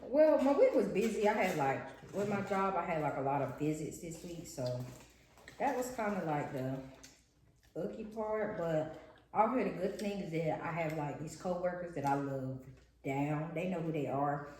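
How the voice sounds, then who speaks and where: A woman's voice: on the low side, animated, normal speed, a little mellow. A young pregnant woman chatting casually to her viewers while eating, often calling them y'all. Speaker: vlog co-host. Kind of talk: casual chat over a meal. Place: restaurant table, indoors. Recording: very echoey room, faint noise.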